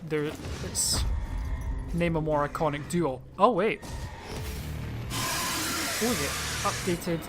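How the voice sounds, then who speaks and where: A man gives loose, casual commentary as a gaming host. He rambles through chatty asides while he plays, with music clearly heard behind his voice. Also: a little high, takes it slowly, long pauses. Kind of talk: casual let's play commentary. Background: game music.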